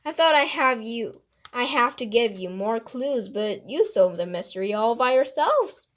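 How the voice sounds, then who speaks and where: Taking an unhurried pace, a woman reader performs the part of a mischievous writer from a children's mystery. The character's voice runs on the high side, and she lays out her explanations with lively, playful emphasis.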